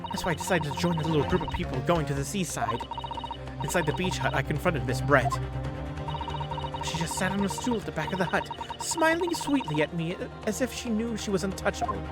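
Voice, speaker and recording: A game player voicing an anxious, guilt-ridden young research student with a halting, earnest delivery. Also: mid-range voice, lively intonation, lightly acted. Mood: fearful, haunted. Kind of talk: video game dialogue read aloud in character. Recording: game music behind the voice.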